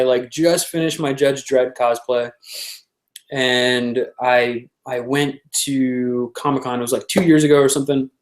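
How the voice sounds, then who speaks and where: A man's voice: medium pitch, reverberant, low-quality recording. A man guesting on an interview, chatting casually about his prop making, rambling with lots of fillers and restarts.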